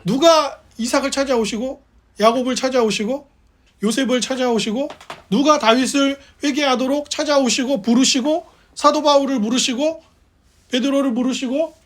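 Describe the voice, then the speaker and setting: Korean pastor preaching in a chatty way. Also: male voice, extremely high pitch. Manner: conversational, acts out quoted voices, rhetorical questions. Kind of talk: sermon.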